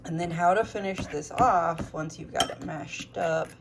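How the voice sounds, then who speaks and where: A woman in a home kitchen, still carrying a rough morning voice, talking through a recipe in a relaxed, chatty way. Her voice sits low with a gravelly fry, and she takes her time, speaking slowly. A faint hiss of noise lies under the recording. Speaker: cooking vlogger. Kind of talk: casual kitchen vlog.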